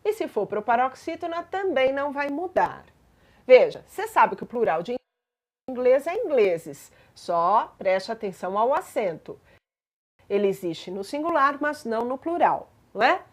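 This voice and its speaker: A woman's voice: on the high side, sing-song, normal speed. A woman teaching grammar in a patient explanatory lesson, spelling out examples and checking in with listeners.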